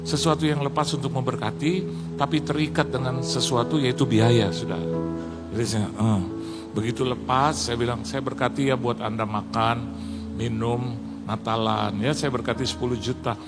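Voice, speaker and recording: A man's voice: medium pitch, steady tone, normal speed, loud music behind the voice. Indonesian-speaking male pastor telling stories. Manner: storytelling, acting out quoted voices, addresses congregation as Saudara. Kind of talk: sermon with humorous anecdotes. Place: church service.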